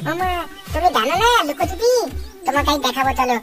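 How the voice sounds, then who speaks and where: A woman voicing a mischievous cartoon boy who sweet-talks in a coaxing way, over loud music. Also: high voice, animated, fast talker, far from the mic.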